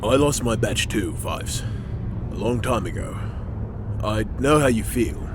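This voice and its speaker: A man's voice: fairly low pitch, lively intonation, unhurried, noisy background. A man playing a stern, protective clone captain and big brother in an audio drama, speaking firmly and earnestly. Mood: gentle, consoling. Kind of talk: dramatic audio fiction acting. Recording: music bed under the voice.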